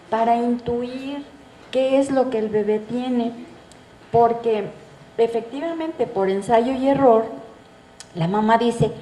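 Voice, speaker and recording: A middle-aged woman lectures to an audience, her voice slightly high yet mellow and warm. She speaks conversationally and keeps asking rhetorical questions. The room is echoey, with a faint hum of background noise. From Mexico. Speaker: psychoanalyst giving a talk. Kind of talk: public lecture. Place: bookstore event space.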